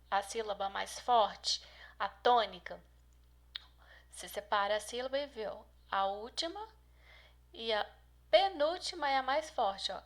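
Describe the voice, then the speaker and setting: A woman teacher giving a lesson, explaining patiently with many examples and slowly stressing the key syllables. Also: on the high side. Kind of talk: classroom lesson.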